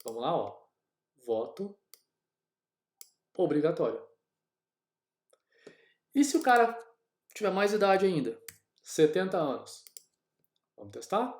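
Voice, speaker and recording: Casual Brazilian programming teacher, echoey room. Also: male voice, a little high, big pitch swings, slow pace, pauses often, darkish tone. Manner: casual, talks through each step aloud to the class. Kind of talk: screen-recorded coding lesson.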